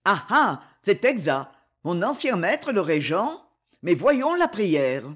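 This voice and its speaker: A man's voice: high voice, sing-song, slow, fairly bright tone, heavily acted. A man reading the part of an eager, timid male dwarf servant in an audiobook, talking in a flustered way. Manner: flustered, stammering.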